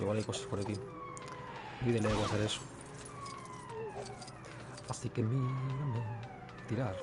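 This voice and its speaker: A man's voice: lowish voice, heavy background noise. A man with an accent from Spain giving casual, playful, slangy commentary as he plays a game. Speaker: gamer. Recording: loud game music and effects behind.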